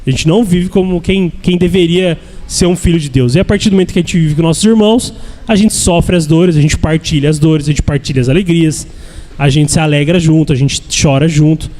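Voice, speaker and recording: A man's voice: a little high, fairly quick, mellow. A man with a Brazilian accent teaching at a church congress, earnest and repetitive, often checking in with "né?". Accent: Brazilian Portuguese. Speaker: church speaker. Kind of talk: sermon-style teaching. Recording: echoey hall with long reverb.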